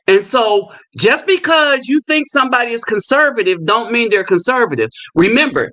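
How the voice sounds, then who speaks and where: High, bright-voiced man hosting a livestream. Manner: talks in quick bursts with fillers and asides. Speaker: livestream host. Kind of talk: casual live commentary.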